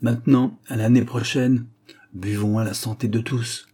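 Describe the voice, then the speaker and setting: A man playing a gruff, deaf old grandfather. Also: medium pitch, fairly even intonation, moderate pace, warm tone, lightly acted. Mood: gruff coaxing.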